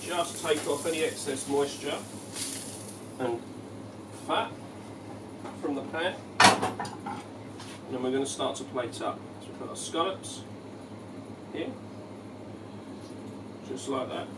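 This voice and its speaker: A man, a head chef walking through a dish at his own relaxed pace, full of "um" and "okay". He's caught on a camera mic from a short distance in a big echoing restaurant kitchen. Frying pans and kitchen bustle sound loudly behind him. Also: medium pitch, slow, long pauses. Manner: relaxed, explanatory, frequent "um" and "okay". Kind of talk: cooking demonstration. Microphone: camera mic from a few feet away. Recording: echoey kitchen, distant mic, loud kitchen noise. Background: sizzling pans and kitchen clatter.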